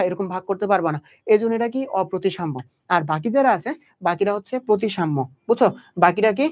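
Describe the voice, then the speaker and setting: A young man tutoring biology in an exam-prep lecture. He talks straight to the student and keeps asking questions that he answers himself. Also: high-pitched. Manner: quizzing, asks and answers own questions. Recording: dull lo-fi audio.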